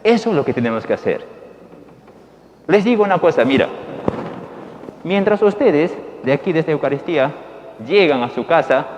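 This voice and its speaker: A priest gives a folksy homily, questioning his congregation and swinging between hushed and loud passages. His voice is fairly high for a man. It rings with a long reverb tail through a large church. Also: expressive, normal speed, pauses often, slight background noise. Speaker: Dominican priest. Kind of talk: homily at Mass.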